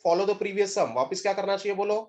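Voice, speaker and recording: A man's voice: high-pitched, moderate pace, a little mellow. A man teaching a math class, quizzing his students again and again with short questions and mixing phrases into his talk. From India. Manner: drills students with repeated questions, mixing English into Hindi. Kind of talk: classroom lecture.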